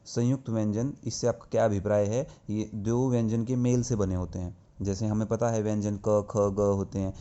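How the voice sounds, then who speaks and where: A male teacher talks through a grammar lesson, posing a question and then answering it himself. His voice sits low and mellow. The recording sounds dull and lo-fi. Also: fairly even intonation. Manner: slow and explanatory, asks questions and answers them himself. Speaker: school teacher. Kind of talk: classroom lesson.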